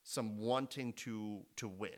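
A man's voice: lowish voice, slow pace. A man co-hosting a podcast, chatting casually and animatedly about sports, swearing freely and restarting sentences often. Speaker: podcast co-host.

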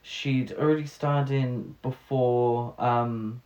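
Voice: medium pitch, steady tone, slow pace, a little mellow, lo-fi sound. Chatty film podcast co-host. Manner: chatty, hesitant, fillers and restarts. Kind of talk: casual film review chat. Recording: roomy sound.

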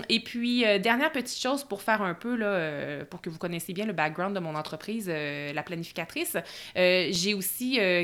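A woman in her thirties with a Québécois accent, hosting her own solo podcast in a chatty, conversational way with frequent hesitations. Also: lowish voice. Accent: Québécois French. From Quebec, Canada. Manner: chatty, warm-hearted, hesitant with frequent pauses. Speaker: podcast host.

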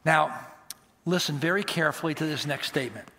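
Male pastor, bright ringing voice, emphatic sermon delivery, slightly high. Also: a little fast, gravelly. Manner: emphatic, swings between loud stresses and quiet asides.

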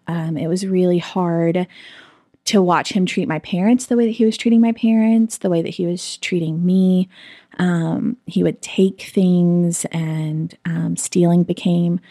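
Low, gravelly-voiced woman telling her story. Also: steady tone, a little slow, warm tone, no echo, studio quality. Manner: candid, reflective, with frequent fillers. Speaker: interview guest. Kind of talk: personal storytelling in a conversation.

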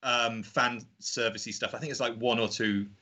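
A man's voice: medium pitch, steady tone, normal speed, sharp tone, dull audio. A man talking casually as a guest in an informal interview. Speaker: indie game developer, podcast guest.

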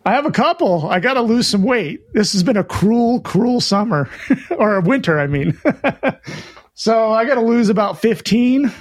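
High-voiced guy cohosting a podcast, upbeat, chatty, trips over his words a bit. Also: lively intonation, normal speed, dry recording, studio quality. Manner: upbeat, chatty, stumbles on restarts. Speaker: podcast co-host. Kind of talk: casual chat.

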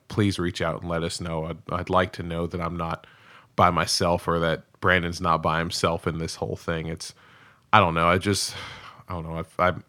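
Bright-voiced casual podcast man. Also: low voice. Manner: candid, rambling, swears and laughs often. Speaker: podcast co-host. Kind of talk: casual chat.

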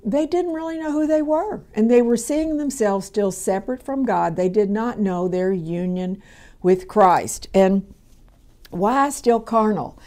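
A woman, talking through a radio Bible lesson in an easy, conversational way. Her voice is mellow and soft-edged, sitting at an ordinary pitch for a woman. She wanders a bit, doubling back with fillers and restarts as she goes. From Kentucky, USA. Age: 70s. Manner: rambling, with frequent fillers and restarts.

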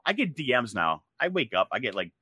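A man's voice: mid-range voice, very animated, brisk, sharp tone, breathy edge, no room sound. A man, a podcast guest who grows mushrooms, talking bluntly with plenty of swearing. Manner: blunt, profane, ranting. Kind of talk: casual chat.

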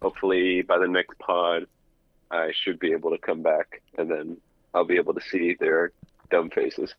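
Co-host calling in over the phone: a man with a very low voice, heard dry and lo-fi, rambling and casual. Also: completely flat delivery, normal speed, no echo. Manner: rambling storyteller who restarts words. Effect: phone call played back through the studio. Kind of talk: casual podcast chat. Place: his apartment. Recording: dull lo-fi phone line.

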